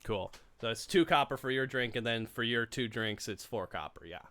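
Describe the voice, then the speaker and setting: A man plays a laid-back tavern bartender who lists drinks in a loose, offhand ramble. His pitch is middling and his voice is his own. It belongs to a tabletop game scene. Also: normal speed, fairly bright tone, close to an everyday voice. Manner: rambling, filler-heavy, offhand. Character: casual male bartender, laid-back then rude.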